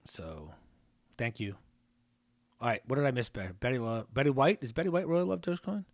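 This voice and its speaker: A man's voice: medium pitch, lively intonation, a little fast, no echo. Chatty man hosting a livestream. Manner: chatty, joking, reads viewer comments aloud. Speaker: livestream host. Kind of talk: casual live-stream commentary.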